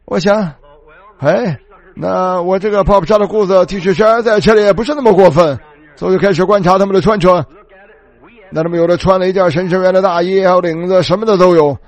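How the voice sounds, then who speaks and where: A male preacher telling a story in a sermon, animated and repetitive, retelling dialogue as he goes. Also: sits high, fast.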